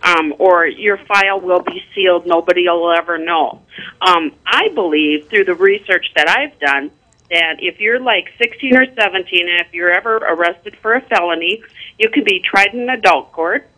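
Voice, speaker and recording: Caller, clipped phone line, hesitant, halting, bright tone. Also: medium pitch, animated. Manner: hesitant, halting with many ums. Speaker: call-in listener. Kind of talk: casual call-in comments.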